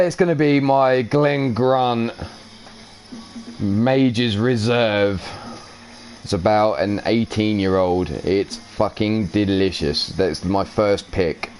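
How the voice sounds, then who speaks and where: A man's voice: on the low side, takes it slowly, darkish tone, soft background music. A man with a brash, profane manner, answering an in-character interview as a wrestler and chuckling now and then.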